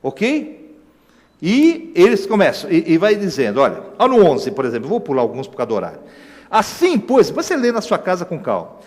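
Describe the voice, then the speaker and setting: A man's voice: sits high, wildly swooping pitch, moderate pace, darkish tone. A man with a Brazilian Portuguese accent preaching a sermon as pastor, emphatic, throwing rhetorical questions and asides to the congregation. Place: church. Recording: echoey church hall reverb.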